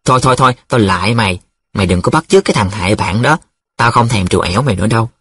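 A man voicing a cocky, teasing young male student who jokes in a sing-song way, with a husky voice. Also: medium pitch, animated, fairly quick, a bit bright, no room sound. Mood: boastful.

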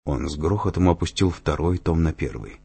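A man narrates an audiobook in a steady, even manner. His voice sits very low and has a husky grain. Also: a little fast. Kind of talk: scripted narration.

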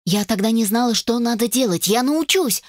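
Woman reads a high, stubborn young heroine, pleading and insistent, dry sound. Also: lively intonation, moderate pace, dry recording.

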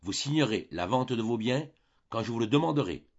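A man voicing a distressed young countess, hushed and halting, in a dull lo-fi recording. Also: mid-range voice, expressive. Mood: grave.

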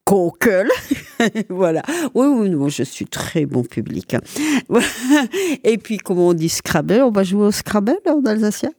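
Mellow-voiced chatty woman radio host. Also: mid-range voice, animated, unhurried, dry recording, studio quality. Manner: chatty, full of hesitations and little laughs. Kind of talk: casual radio chat presenting a book.

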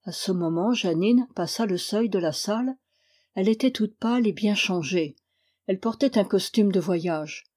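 A woman reading a historical novel aloud as audiobook narration, in a steady, measured way. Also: mid-range voice. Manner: steady, measured reading, lifting the voice for quoted dialogue. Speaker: audiobook reader.

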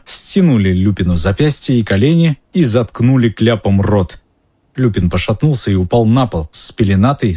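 A man reads a storybook aloud in an even, measured way. His voice is low and husky. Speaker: audiobook reader. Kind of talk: dramatic storybook reading.

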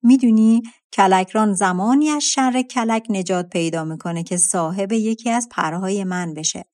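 A woman voicing a giant male vulture in a fairy-tale audiobook, loud and fierce in his demands. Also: mid-range voice, lightly acted. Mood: scolding.

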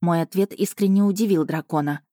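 Low-voiced woman narrating a novel. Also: a little fast, mellow, dry recording, studio quality. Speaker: audiobook narrator. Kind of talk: first-person novel narration.

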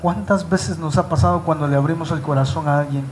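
A pastor delivers a live sermon in church, addressing the congregation in front of him directly. His voice is on the high side with fairly even intonation, and he slows down and stresses his words when reading scripture. The recording carries a little hiss or hum.

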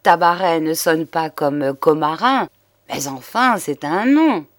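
Woman reading as a flustered old man sleuth, muttering to himself, lowish voice, dry sound, audiobook. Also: animated, takes it slowly, no echo. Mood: brooding. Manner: agitated, musing to himself. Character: excitable old man amateur detective.

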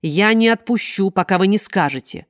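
A woman's voice: normal speed, a little mellow, no echo, studio quality, natural voice. A woman reading an audiobook, voicing a small, nervous male dentist who whines and shrieks. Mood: shrill. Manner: shrill, whining.

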